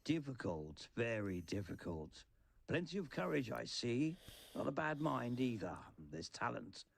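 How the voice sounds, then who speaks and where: A man voicing a magical talking hat from a storybook, theatrical and pondering, with drawn-out words. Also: medium pitch, sing-song, gravelly, husky, no room sound, heavily acted. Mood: musing, sly. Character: magical sorting hat, booming when announcing, small musing voice in the ear.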